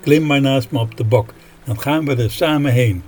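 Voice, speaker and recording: A man voicing a sturdy, gruff farmer who grumbles his lines in a spoken storybook. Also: mid-range voice, normal speed, darkish tone, close to an everyday voice. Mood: grumbling.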